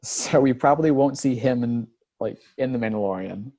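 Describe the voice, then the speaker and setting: A man co-hosting a casual podcast, rambling with many restarts and quick laughs. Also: medium pitch, mellow. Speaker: podcast co-host. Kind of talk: casual chat.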